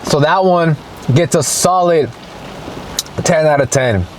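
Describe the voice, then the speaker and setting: Man, slightly high voice, casual mukbang eating review, savoring hums, noticeable background noise. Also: takes it slowly. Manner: eats while talking, with savoring hums; addresses viewers as guys. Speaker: food review vlogger. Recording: clear ambient background noise.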